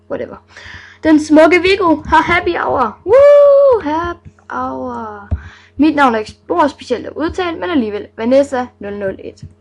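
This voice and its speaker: Giggly higher-pitched young woman vlogger. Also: husky, low-quality recording. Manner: chatty, giggly, playful asides. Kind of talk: casual reading of viewer names.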